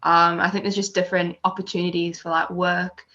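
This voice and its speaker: A woman's voice: fairly low pitch, flat delivery, a little fast, sharp tone, muffled recording. A young woman with a New Zealand accent, hesitant and starting with ums, on a video call. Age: teens or young adult. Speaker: footballer, guest.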